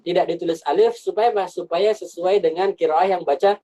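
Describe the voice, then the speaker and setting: A man with a slightly higher voice teaches a Quran recitation class over a video call. He explains patiently, repeats his points and poses rhetorical questions that he then answers himself. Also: a little fast, dark tone, low-quality recording.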